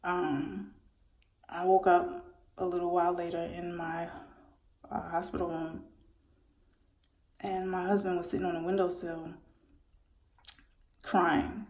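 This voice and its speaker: A woman in her forties earnestly recounting a personal story, often halting and restarting her words. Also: fairly low pitch, little pitch movement, a little mellow. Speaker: mother telling her birth story. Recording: roomy echo.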